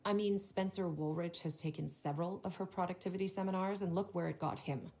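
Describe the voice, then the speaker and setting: A woman's voice: on the low side, fairly quick, creaky, a little mellow. A woman voicing a prim, formal hotel desk clerk in a video game who turns catty and gossipy.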